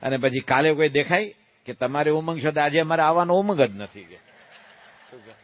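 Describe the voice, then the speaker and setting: A man giving a humorous sermon as a monk, telling a folksy story and acting out shouted calls and quoted voices. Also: fairly high pitch, expressive, a little fast, dull audio. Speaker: monk giving a religious discourse.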